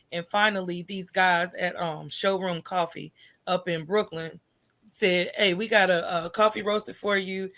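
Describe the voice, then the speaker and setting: A candid American woman guests on a podcast, spinning animated, casual stories in a mid-range voice and often adding "right?" to check in.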